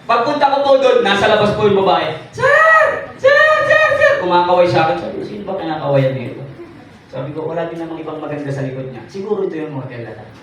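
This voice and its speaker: A man's voice: a little high, lively intonation, rapid-fire, a little hiss or hum. Joking man in an echoey hall. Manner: joking, teasing the crowd with questions. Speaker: speaker sharing his testimony. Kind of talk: comic testimonial talk to a live audience. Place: event hall. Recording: echoey hall, mic from a distance.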